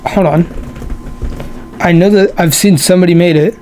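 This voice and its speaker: A man's voice: high voice, fairly even intonation, moderate pace, darkish tone. Young man in casual banter, faint noise. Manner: chatty, argumentative banter. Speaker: podcast co-host. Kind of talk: casual chat.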